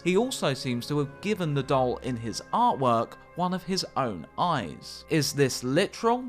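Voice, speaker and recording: A man reading scripted game lore narration with measured, dramatic storyteller phrasing. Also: on the high side. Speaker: video narrator. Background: background music.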